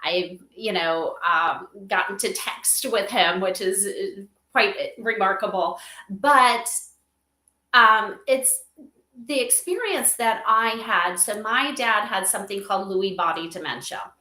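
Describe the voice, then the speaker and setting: Appearing as a guest, this spirit advisor for an AI memorial company is a middle-aged woman who tells personal stories earnestly and at length during a conversational interview. She talks at a measured pace in a medium pitch with a sharp edge, captured with echoey, roomy livestream sound.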